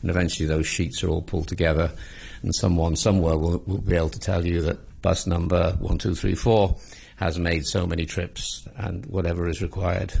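Deep gravelly older Englishman, dry humour. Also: level tone, darkish tone, a little hiss or hum. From England. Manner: measured, dry understated humour. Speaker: guest, former police intelligence commander. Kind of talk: casual interview answers.

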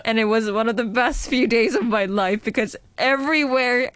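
A woman radio presenter chatting in a relaxed way, with fillers. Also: on the high side, moderate pace, no room sound. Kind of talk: casual radio chat and scripted links.

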